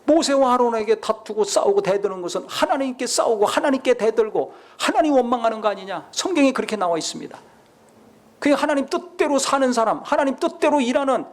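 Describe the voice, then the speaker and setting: A man with a notably high voice for a male speaker delivers a sermon as a pastor. He preaches dramatically, firing off rhetorical questions and shifting his pitch often as he acts out the scenes he describes.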